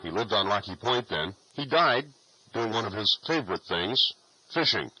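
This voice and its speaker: A man's voice: lowish voice, lively intonation, normal speed, low-quality recording. A man narrating a radio retrospective in a storytelling documentary style. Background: music bed.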